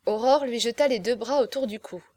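A woman reading a classic novel aloud as narrator, in a measured, expressive storytelling manner. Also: on the high side, no echo. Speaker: audiobook narrator.

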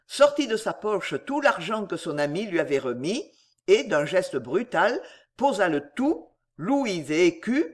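Slow expressive woman narrator. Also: lowish voice. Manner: measured, expressive storytelling. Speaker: audiobook reader. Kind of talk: scripted narration of a historical novel.

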